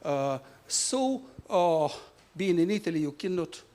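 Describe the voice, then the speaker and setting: A man from Ukraine presents his physics book in a talk. His voice sits a little high. He speaks halting English and keeps pausing on "uh" as he hunts for words. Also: animated, mellow. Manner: halting non-native English with many "uh" fillers.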